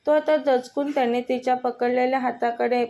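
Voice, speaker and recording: A woman with a Marathi accent reads a scripted romantic story aloud, speaking every character's lines in her own voice. Her voice is high-pitched and warm with a steady tone at a moderate pace, and the highs are cut off.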